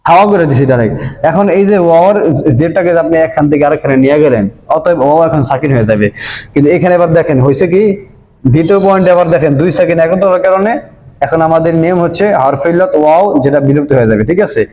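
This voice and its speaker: A man teaching a grammar lesson, explaining each step and often checking in with his listeners, drawing out example words slowly. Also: fairly high pitch, mellow, reverberant, poor audio.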